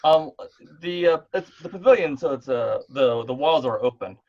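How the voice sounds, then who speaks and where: A man leads a tabletop game over an online call as game master, narrating casually and thinking things through out loud. He has a slightly high, slightly mellow voice with lively intonation and a moderate pace, captured in dull lo-fi call audio.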